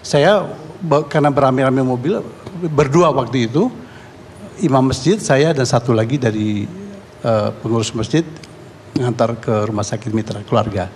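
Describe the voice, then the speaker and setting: A man from Indonesia recounting what he witnessed as a talk show guest, pausing and restarting his words often. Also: medium pitch, darkish tone, long reverb tail, slight background noise. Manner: halting, repeats and restarts words. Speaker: neighborhood head and eyewitness guest. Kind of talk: eyewitness account on a talk show.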